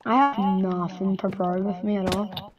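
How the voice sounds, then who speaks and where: A woman's voice: mid-range voice, steady tone, moderate pace, a crowd in the background. A woman chatting playfully with a friend over game voice chat. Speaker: player. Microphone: voice chat mic. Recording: dull lo-fi voice chat with faint noise.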